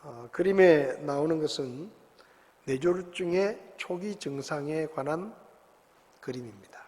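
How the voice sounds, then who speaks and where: A male pastor delivers a sermon in an easy, storytelling manner, often asking rhetorical questions. His voice sits a little high. The sound is wrapped in the long reverb of a church sanctuary. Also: measured pace, darkish tone.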